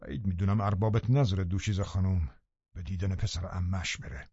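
A man's voice: deep voice, steady tone, slightly rough, no room sound, lo-fi sound, voice pushed down. A man voicing a scheming, brooding middle-aged landowner who talks in a menacing way. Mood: grim low. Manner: menacing, then loudly pleading.

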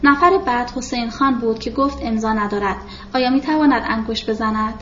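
Woman narrator for a novel reading; measured, steady delivery, somewhat high voice, echoey room. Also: slight background noise. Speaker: audiobook narrator. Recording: roomy, dull lo-fi recording.

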